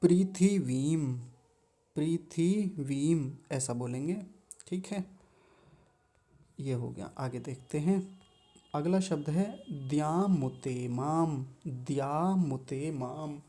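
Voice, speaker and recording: Slow, mellow-voiced man teaching pronunciation. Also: fairly high pitch. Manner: repeats words slowly, syllable by syllable; patient, explanatory. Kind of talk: slow, careful pronunciation lesson.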